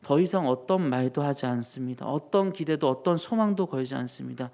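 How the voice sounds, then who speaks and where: A man preaching a sermon as a pastor, earnest and building to emphatic rises in pitch, in a church sanctuary. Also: brisk, creaky, mellow.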